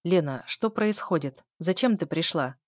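A woman reading an audiobook voices a drunk, guilty father who speaks slowly and hesitantly. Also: on the low side, expressive, no room sound, clean studio sound. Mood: evasive. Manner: slow, hesitant, irritated.

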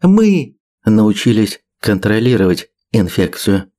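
A man reading an audiobook, voicing a fierce middle-aged woman biologist who shouts in heated, shrill bursts. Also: sing-song, takes it slowly. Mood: angry.

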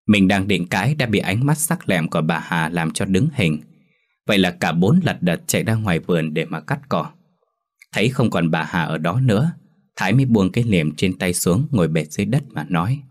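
Guy telling a spooky village story, really deep voice, steady. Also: brisk. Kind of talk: scripted narration of a folk ghost tale.

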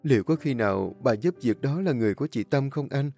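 A man's voice: medium pitch, animated, quick pace, gravelly, warm tone, breathy edge, faint music behind, voice pushed up. A man voicing a frightened young mother who pleads anxiously in an audio story. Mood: anxious pleading.

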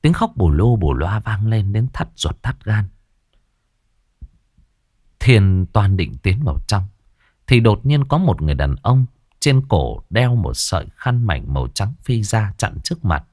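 A man narrating a ghost story in an expressive storytelling manner. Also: lowish voice, unhurried, no room sound, clean studio sound.

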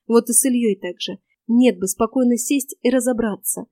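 Mellow higher-pitched female storyteller. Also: a little fast, dry recording. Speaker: audiobook narrator. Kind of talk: first-person scripted narration.

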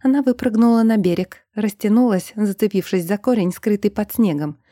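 A woman narrating a fantasy audiobook in a steady, even storytelling manner. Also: mid-range voice, brisk, no echo, studio quality.

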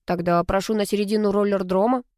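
A woman voicing a calm, deadpan young male skating instructor with a mildly mocking manner. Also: medium pitch, fast talker, dry recording, clean studio sound, close to an everyday voice. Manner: cool, unflappable, mildly mocking.

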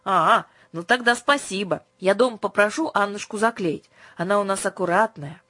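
A woman's voice: mid-range voice, moderate pace, a bit bright, no echo, voice pushed up, close to an everyday voice. A woman reading an audiobook, voicing a spirited little girl who argues indignantly. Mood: cheerful. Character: spirited, touchy little girl shopping for books. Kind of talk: audiobook character voice.

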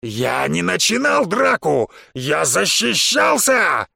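A man's voice: high-pitched, huge pitch swings, slow pace, gravelly, no room sound, clean studio sound, exaggerated voice. A man voicing a furious, hot-tempered male rival who roars his accusations in a storybook reading. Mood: roaring. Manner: roaring and yelling.

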